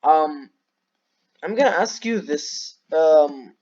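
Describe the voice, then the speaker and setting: A man's voice: on the high side, expressive, slow, highs cut off. A teenage boy from Turkey casually reacting to an aviation video, rambling and correcting himself, a little sleepy. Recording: loud music under the voice. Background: loud music and airplane sounds from the video.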